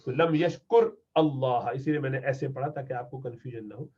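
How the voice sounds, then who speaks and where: A male Arabic teacher with a Pakistani Urdu accent, giving a recorded grammar lesson, reading example sentences slowly and then explaining them quickly. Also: medium pitch, steady tone, warm tone, slightly rough, dull audio.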